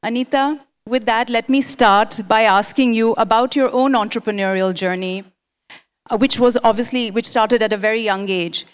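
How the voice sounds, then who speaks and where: A woman moderating a stage panel, reading a measured, formal introduction and asking questions. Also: a little high, steady tone, clean tone. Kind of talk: stage interview with scripted introduction.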